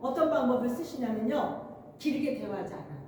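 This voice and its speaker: High-voiced woman pastor preaching in an echoey church. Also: animated, brisk, darkish tone. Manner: conversational, acts out quoted voices, frequent asides to congregation. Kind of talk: sermon. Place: church sanctuary. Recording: echoey church hall, distant mic, faint hiss.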